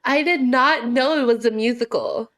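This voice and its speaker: Giggly woman co-host, slightly high. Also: moderate pace, a bit bright. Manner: laughs often, short reactions. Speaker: podcast co-host. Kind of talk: casual chat.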